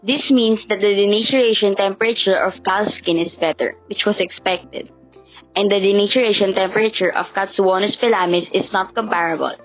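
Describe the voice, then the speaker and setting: A woman's voice: medium pitch, a little fast, rough recording. A woman giving a scripted, infomercial-style explanation of student research findings. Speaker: student presenter. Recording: background music under the voice.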